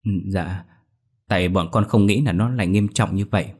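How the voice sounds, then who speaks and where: A man's voice: deep voice, normal speed, a little mellow. A man voicing a polite young wife. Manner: polite and deferential. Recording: faint music behind.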